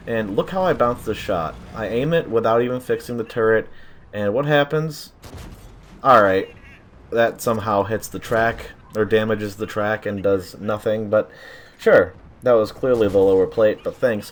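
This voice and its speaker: A man hosting his own gaming channel talks through a match in a low, slightly sore voice. He rambles and corrects himself as he goes. A faint noise sits under the recording. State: sore throat. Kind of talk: casual gameplay commentary.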